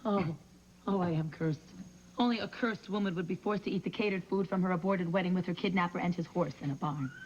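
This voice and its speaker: An actress playing a sharp-tongued young bride held captive in a 1990 TV soap, indignant and sarcastic, on dull lo-fi TV audio with faint hiss. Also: female voice, fairly high pitch, very animated, moderate pace.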